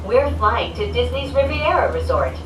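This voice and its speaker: A woman reading prerecorded, welcoming announcements, heard over a loudspeaker inside a moving cable-car cabin. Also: fairly high pitch, sing-song, normal speed. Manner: cheerful, welcoming. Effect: played over a loudspeaker. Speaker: transit announcer. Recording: echoey, distant loudspeaker over loud vehicle noise.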